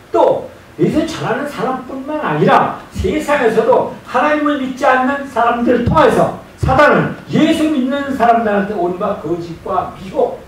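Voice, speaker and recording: A male pastor preaching a sermon, telling stories with animated delivery. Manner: lively preaching, acts out quoted scenes in lowered voice. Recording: echoey room from a distance with faint noise.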